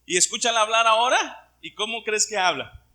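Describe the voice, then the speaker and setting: A man's voice: high voice, a little fast, sharp tone. A middle-aged man from Puerto Vallarta with a Puerto Vallarta Mexican Spanish accent, preaching a Sunday sermon and putting questions to his congregation. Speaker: pastor.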